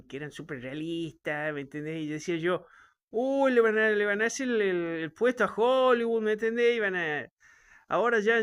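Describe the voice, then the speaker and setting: A man's voice: high voice, fairly bright tone. A man with a Rioplatense Argentine accent, talking in a loose, rambling, sardonic monologue and tagging his sentences with questions to the listener. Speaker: show host.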